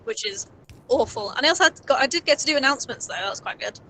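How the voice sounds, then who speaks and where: Young woman on a voice call from her car, bit high, rambly and sweary, laughs a lot, faint hiss behind. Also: very animated, fast, creaky, pushed and bright, rough recording. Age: early 20s. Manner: rambling, chatty, laughs often, swears freely. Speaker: stream co-host. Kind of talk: casual chat. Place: in a moving car. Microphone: Discord voice call.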